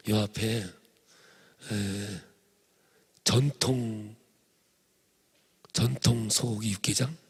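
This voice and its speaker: Gravelly-voiced pastor preaching with humor. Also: male voice, mid-range voice, mellow. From Chungcheong Province, Korea. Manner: humorous, addresses congregation directly. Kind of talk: revival sermon.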